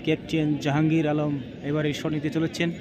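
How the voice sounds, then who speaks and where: A man with a raised voice calls a football match live and excitedly, repeating names and phrases. The recording is outdoors, with clear background noise of the ground and traffic around him. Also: on the high side, quick pace. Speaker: football commentator. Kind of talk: excited live football penalty shootout commentary. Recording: noisy outdoor field with traffic ambience.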